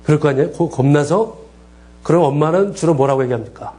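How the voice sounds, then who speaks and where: A man's voice: fairly high pitch, fast. A middle-aged man teaching a counseling class, asking the class questions and acting out short quoted lines. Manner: lively, acts out quoted dialogue, asks the class questions. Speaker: counseling lecturer. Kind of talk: lecture.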